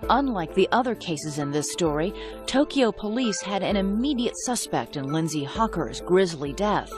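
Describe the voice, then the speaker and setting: Woman doing true crime narration, lowish voice, music playing clearly behind her. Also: animated, moderate pace. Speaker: documentary narrator and reporter.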